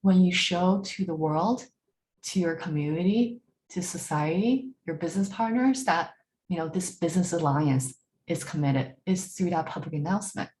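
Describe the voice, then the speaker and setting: Lady talking through slides at a bootcamp, lowish voice, bit of hiss behind, lots of ums and right?. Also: expressive, moderate pace, darkish tone. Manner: frequent fillers and restarts, repeats words while searching; ends points with a questioning "right?". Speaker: workshop speaker. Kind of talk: presentation to a bootcamp. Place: online talk.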